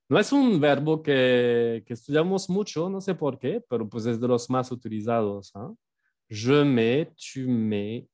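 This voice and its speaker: Slow-spoken man teaching. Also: mid-range voice. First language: French. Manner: slow, careful enunciation of each example, relaxed and chatty explanations. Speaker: French teacher. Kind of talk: language lesson, conjugating verbs and explaining example sentences. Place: home office.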